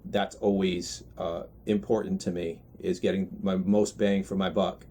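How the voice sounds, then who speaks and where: A man with a moderately low-pitched voice gives an informal review. He talks in a measured, considered manner, often stopping briefly mid-sentence before carrying on. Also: flat delivery, warm tone, a little hiss or hum. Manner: measured, deliberate, with mid-phrase pauses. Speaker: pipe tobacco reviewer. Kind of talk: casual, unscripted product review.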